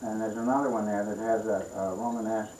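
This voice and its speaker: A man chatting at a dinner table, halting and full of restarts as he explains something. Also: on the low side, fairly even intonation, dark tone. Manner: halting, with many restarts and fillers. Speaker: dinner guest. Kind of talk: casual dinner-table chat. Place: room in a house at dinner. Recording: echoey room, noisy home recording.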